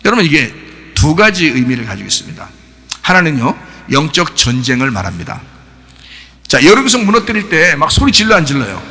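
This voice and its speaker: A male pastor preaches with a high, lively voice that leaps up and down in pitch. His tone is bright and forceful, and he fires questions at the congregation and bursts into shouts. A long hall reverb trails behind him. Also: brisk. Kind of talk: sermon. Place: church sanctuary.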